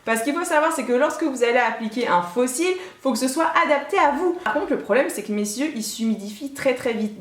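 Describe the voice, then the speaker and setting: A woman beauty vlogger giving a chatty makeup tutorial straight to her viewers, with offhand asides. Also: high voice. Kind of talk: makeup tutorial talking to camera. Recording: roomy echo.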